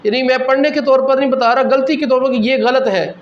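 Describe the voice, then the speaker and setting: A man's voice: very high voice, fairly even intonation, lo-fi sound, slight background noise. A man, a mufti, giving a religious lesson, explaining rulings step by step and checking in with "theek hai" between points. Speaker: mufti teaching Islamic law.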